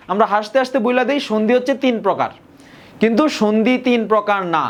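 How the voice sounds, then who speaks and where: A young man from Bangladesh, teaching a grammar lesson and often repeating key points and slowing down on example words. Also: extremely high pitch. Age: young adult. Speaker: tutor.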